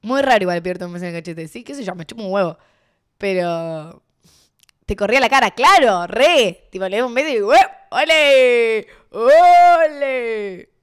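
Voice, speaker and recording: Chatting with her stream audience, a young woman with a Rioplatense Spanish accent talks briskly, her medium-pitched voice full of lively intonation. Her storytelling bursts with laughter and sudden exclamations.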